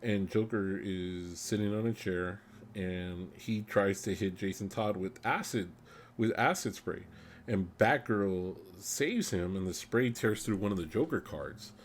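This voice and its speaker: A man's voice: fairly low pitch, measured pace, a little hiss or hum. A man hosting a podcast, casually retelling a comic book story in a rambling way with plenty of ums and uhs. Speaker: podcast host.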